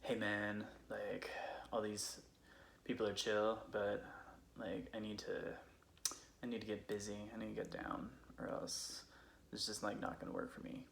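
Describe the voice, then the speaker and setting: A man's voice: lowish voice, completely flat delivery, unhurried, vocal fry, fairly bright tone. A man putting on a casual, tipsy Californian friend who rambles through comedic stories in a slangy, filler-heavy way. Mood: whiny, slangy. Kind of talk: comedic storytelling. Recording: roomy echo, faint background noise.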